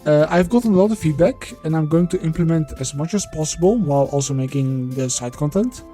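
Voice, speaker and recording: Man through a voice changer, mellow tone. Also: fairly high pitch, soft background music. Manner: blunt, sweary, loose and halting when off script. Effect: voice changer disguising his voice. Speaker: indie game developer. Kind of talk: devlog voiceover.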